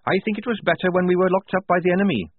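A man's voice: high-pitched, very fast, breathy edge, no room sound, pitched above the performer's own voice. A man voicing a gloomy young woman soldier who speaks in a hollow, sardonic way, over tinny phone-like audio.

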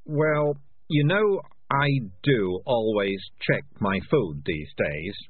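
A man's voice: lowish voice, lively intonation, slow, no echo, narrow, tinny audio, voice pushed up. A man voicing a talking tomcat in a storybook, gloomy, defensive and guilt-ridden, blustering and evasive. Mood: uneasy, evasive.

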